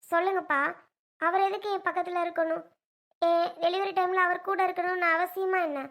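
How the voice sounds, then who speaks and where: A woman plays a young new mother pleading with her father in a family drama skit. Her voice is high and stays on a fairly even pitch, and she keeps pressing her point. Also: a little fast. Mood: insistent. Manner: pleading, insistent.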